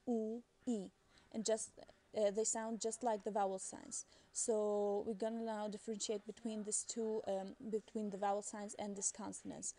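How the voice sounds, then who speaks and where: A woman's voice: medium pitch, mellow. A woman teaching a lesson in a casual, hesitant way, with many fillers and restarts. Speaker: Arabic language teacher.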